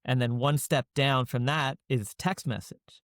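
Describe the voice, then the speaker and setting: A man hosting a podcast, speaking in a measured way and laying out his ideas step by step. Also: medium pitch, steady tone, a bit bright, no room sound, clean studio sound. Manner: measured, explains in orderly steps. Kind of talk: casual conversation.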